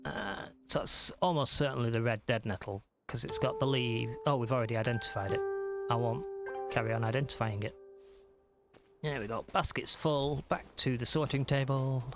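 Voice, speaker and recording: A man's voice: medium pitch, normal speed, over music. A man chatting casually through a live gameplay stream, self-deprecating and talking to his viewers.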